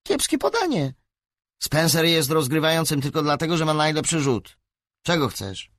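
Man reads sarcastic teen boy from a storybook, dry close sound, lively pitch. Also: moderate pace, dry recording. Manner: mocking, skeptical. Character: sarcastic teenage boy, wary, teasing.

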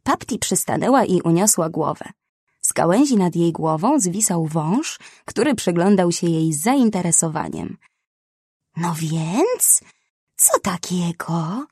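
Woman, storybook narrator, breathy voice, dry close sound, expressive. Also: lowish voice, moderate pace, no echo. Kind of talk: children's storybook reading.

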